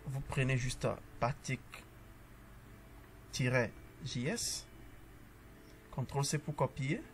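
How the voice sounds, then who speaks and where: Relaxed man walking through code. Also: medium pitch, a little hiss or hum. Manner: relaxed, talks through each step as he types; upbeat asides to the viewer. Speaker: coding tutorial instructor. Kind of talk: casual screen-share coding tutorial.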